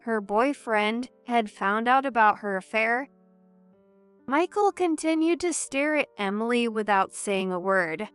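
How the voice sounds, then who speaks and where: A woman tells a first-person story in a slow, measured way. Her voice is slightly high, smooth and clear, recorded dry and close with faint music underneath. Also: no room sound. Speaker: narrator.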